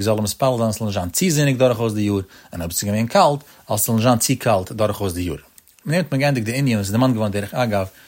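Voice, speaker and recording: A man giving a traditional religious text-study lesson, explaining step by step in a sing-song cadence and repeating the key terms. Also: mid-range voice.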